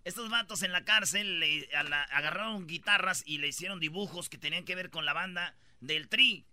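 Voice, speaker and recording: A man's voice: high voice, moderate pace. A man with a Mexican accent hosting a comic news countdown, telling stories in slangy, joking banter. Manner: joking, slangy, lively storytelling. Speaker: host.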